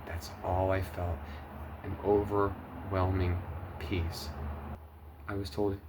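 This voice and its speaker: A man sharing a personal testimony, earnest and emotional, going from urgent bursts to hushed quiet. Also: low-pitched, flat delivery, slow pace, noisy background. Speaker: testimony vlogger.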